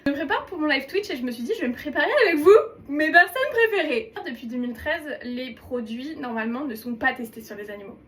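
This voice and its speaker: A woman's voice: high voice, animated, fast, hardly any pauses, sharp tone. A young woman chatting casually and playfully while doing her makeup, swearing now and then. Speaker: beauty vlogger. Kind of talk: casual get-ready-with-me chat.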